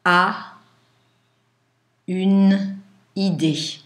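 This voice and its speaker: A woman schoolteacher dictating to young pupils, pronouncing phrases word by word with deliberate pauses and repeats. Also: on the low side, fairly even intonation. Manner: deliberate, sounding out words with pauses. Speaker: primary school teacher. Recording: echoey room.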